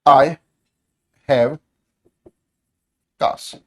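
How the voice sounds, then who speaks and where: A man teaching an online grammar lesson in a Hindi accent, energetic, repeating key words and asking students questions. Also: mid-range voice, very slow.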